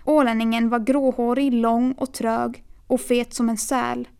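A woman reading a children's novel aloud in a steady, quiet storytelling manner. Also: fairly high pitch, creaky, clean tone. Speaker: narrator. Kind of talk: audiobook reading.

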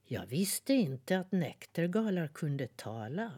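A woman's voice: lowish voice, big pitch swings, mellow, breathy edge. A woman voicing a curious, frightened little boy as she reads a storybook aloud, asking eager questions. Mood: earnest. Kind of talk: storybook reading.

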